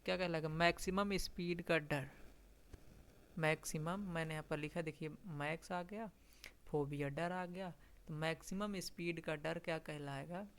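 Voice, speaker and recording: A teacher giving an exam-prep vocabulary lesson, explaining patiently, checking often that students follow, and reading English definitions out very slowly. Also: medium pitch, fairly even intonation, fairly bright tone, smooth.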